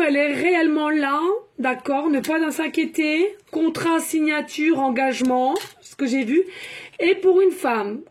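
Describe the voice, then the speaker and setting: A woman's voice: high voice, darkish tone. A woman medium giving a casual card-reading guidance, chatty and rambling, often tacking on little verbal fillers, talking at home. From France. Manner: chatty, rambling, peppered with "hein". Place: home by a glass patio door.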